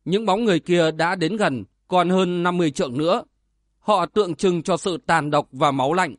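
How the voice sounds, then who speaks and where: A man narrating a martial arts novel as an audiobook in a steady, dramatic reading. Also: high voice, normal speed, dry recording, studio quality.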